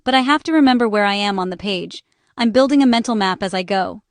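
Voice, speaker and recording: Expressive and fast-talking, a woman with a mid-range voice reads a scripted explainer in short, instructional phrases, with no room sound. She narrates as a small business owner explaining accessibility.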